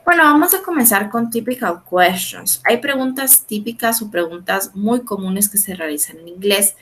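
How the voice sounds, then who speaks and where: A woman teaching an English class, explaining step by step, often checking in with her students and slowing down to pronounce English phrases. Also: medium pitch, lively intonation, a bit bright, soft background music. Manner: explanatory, frequent checks like "¿verdad?" and "¿sí?". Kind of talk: online class lecture.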